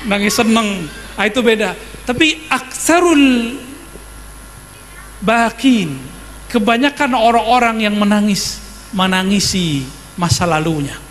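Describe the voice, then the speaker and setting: A man's voice: extremely high pitch, a bit bright, long reverb tail, a little hiss or hum. A man preaching a sermon in a conversational way, often putting questions to his audience.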